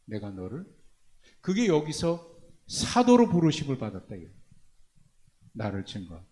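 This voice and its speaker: A male pastor preaching a sermon, asking his congregation rhetorical questions and swinging from hushed low phrases to loud emphatic ones. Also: wildly swooping pitch, normal speed. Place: church prayer meeting.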